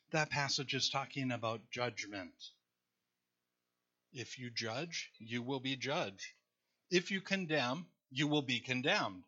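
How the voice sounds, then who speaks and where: A man's voice: mid-range voice, bright, forceful tone, highs cut off. A man preaching a conversational sermon, reading scripture aloud and joking with his congregation. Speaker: pastor.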